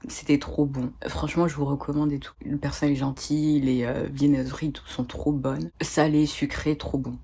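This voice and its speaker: A woman's voice: deep voice, level tone, normal speed, creaky, few pauses, warm tone, husky. A woman with a French accent, telling a rambling, chatty story as a travel vlogger talking to her viewers. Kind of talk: casual chat to camera.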